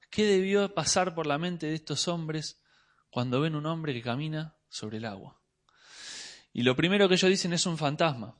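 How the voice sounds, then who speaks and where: A man preaching a sermon, retelling the story expressively and letting his voice sink low at the ends of phrases. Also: bright, forceful tone.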